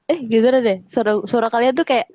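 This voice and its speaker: A woman's voice: a little high, quick pace, warm tone, no room sound. A young woman co-hosting a podcast in casual chat, rambling and correcting herself as she goes. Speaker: podcast co-host. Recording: muffled lo-fi sound.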